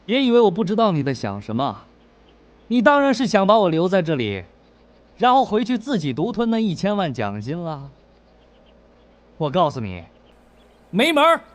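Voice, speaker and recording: A man's voice: sits high, huge pitch swings, normal speed, long pauses. A man playing a cocky modern young man trapped in an ancient-times game, talking boastfully and smugly in a comedy drama. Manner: boastful, smug.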